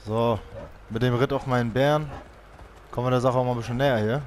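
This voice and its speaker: A young man talks through his gameplay in casual, exasperated bursts, at a mid pitch. Clear game noise runs under his voice. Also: fairly even intonation, fast. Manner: frustrated, exclaiming, shouts high-pitched for help in panic. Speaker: let's play gamer. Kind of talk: let's play commentary.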